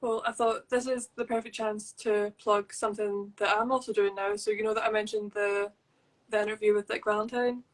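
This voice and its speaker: On a podcast where she is a guest, a woman who hosts another show chats casually and makes fun of herself. Her medium-pitched voice is flat and a little quick, and the audio quality is poor.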